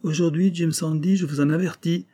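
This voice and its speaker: A man voicing a proud doctor in a storybook reading, speaking in a raised, insistent register. He lectures with swelling emphasis and thinly veiled threat. The tone stays mellow and slightly husky underneath. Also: on the high side, steady tone, a little fast, pitched above the performer's own voice, natural voice. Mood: menacing. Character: proud, threatening Japanese male doctor, middle-aged.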